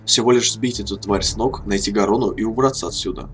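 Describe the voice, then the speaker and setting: A man reading a fantasy novel aloud as narrator, in a steady, measured way. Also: fairly low pitch. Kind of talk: audiobook narration. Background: faint music.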